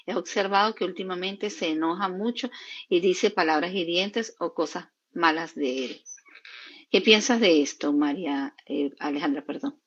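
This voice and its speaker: A woman co-host reading a viewer's question aloud in a measured way, with fillers and a slip over a name. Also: fairly low pitch, husky. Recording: dull lo-fi audio.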